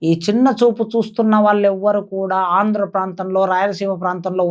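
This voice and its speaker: A woman giving impassioned spoken commentary, declaiming and piling up rhetorical questions like a political commentator. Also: medium pitch.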